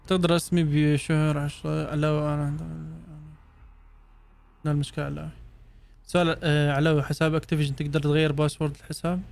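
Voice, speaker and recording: Fast-talking Iraqi gaming streamer man. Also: on the high side. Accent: Iraqi Arabic. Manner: rapid and chatty, answers viewers' questions. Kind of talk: casual live-stream chat.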